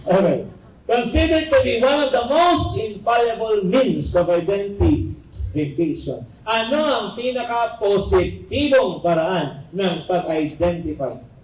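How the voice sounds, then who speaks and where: High-voiced Filipino man lecturing in an echoey hall. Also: lively intonation, slow pace, a little mellow. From Philippines. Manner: jokey, quizzes the class. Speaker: criminology review lecturer. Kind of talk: classroom lecture. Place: lecture room. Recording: echoey room, recorder far off.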